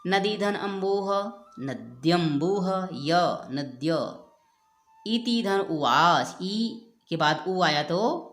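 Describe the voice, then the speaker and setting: A woman teaching grammar at a slow, unhurried pace, patiently repeating each sound and example. Her voice sits a little low and rings in an echoey room, with faint music underneath. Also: expressive. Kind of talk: explaining step by step with a whiteboard.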